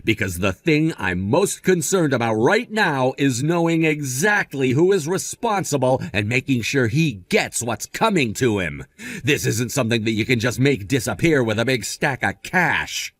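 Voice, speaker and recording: A betrayed husband who stays firm and unyielding, his voice swinging widely in pitch as he confronts his wife, as a man acts him out. The recording is dry and close, with no room sound. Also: expressive, moderate pace, fairly bright tone, no room sound. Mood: stern.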